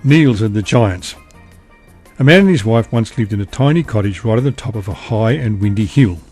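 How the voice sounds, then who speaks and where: A man narrating a bedtime story in a calm, even reading voice. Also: fairly low pitch, moderate pace, breathy edge, faint music behind.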